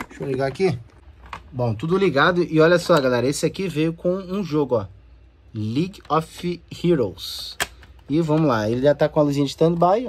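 A mid-range voice with a slight hiss or hum in the recording. He's the host of a gaming video channel, speaking with a Brazilian accent in a loose, playful way as he walks viewers through hands-on console testing using plenty of slang.

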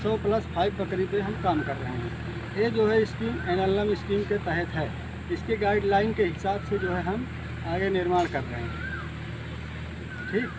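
A high-voiced goat farmer walks visitors around his rural farm, with its fields and brick sheds, giving plain explanations peppered with the filler "jo hai." A moving phone camera held by another person captures it amid loud outdoor noise and insects.

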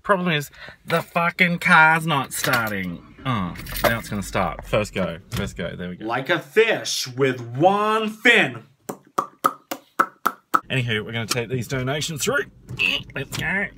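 A man's voice: medium pitch, sing-song, moderate pace, background noise. A man talking casually to a handheld camera in a vlog, chatty and joking, swinging between mumbles and sudden bursts. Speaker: vlogger.

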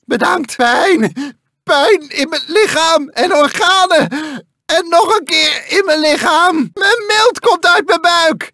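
An actor playing a manic, shrill male mad scientist in a video game, whining and yelping in pain. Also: slow pace, sharp tone, dry recording, exaggerated voice. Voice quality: shrill, crazed and whiny. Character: manic high-pitched male mad scientist with a rocket in his head. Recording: dry studio recording.

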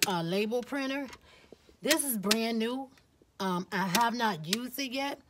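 A woman's voice: mid-range voice, noisy background. A woman esthetician chatting casually to her viewers, enthusiastic and talkative, calling them y'all. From Miami, USA. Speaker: esthetician and beauty business owner. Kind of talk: casual vlog talk to viewers.

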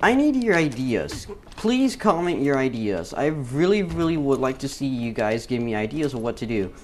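Guy gamer rambling over gameplay, swearing, full of fillers, mid-pitched voice, faint background noise. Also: big pitch swings, normal speed. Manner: rambling, profane, many fillers. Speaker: gaming YouTuber. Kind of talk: casual commentary over gameplay.

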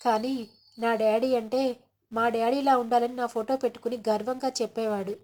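A hurt, proud middle-aged father speaks reproachfully and grows loud and defiant, voiced by a woman retelling the story. The voice sits fairly high. Told as a storybook retelling. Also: steady tone, moderate pace, lightly acted. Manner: reproachful, raises voice to defiant shouting.

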